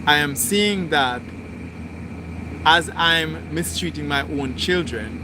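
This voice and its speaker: A man with a bright, slightly raised voice speaks very slowly and deliberately, circling back over his phrases as he reflects aloud on a livestream. A faint hiss of noise sits underneath. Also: on the high side. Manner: slow, deliberate, repetitive phrasing. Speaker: spiritual livestream host. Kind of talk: reflective spoken monologue.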